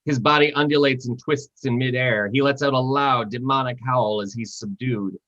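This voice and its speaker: A man narrating screenplay stage directions at a live reading, steady and descriptive. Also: mid-range voice, moderate pace. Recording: dull lo-fi sound.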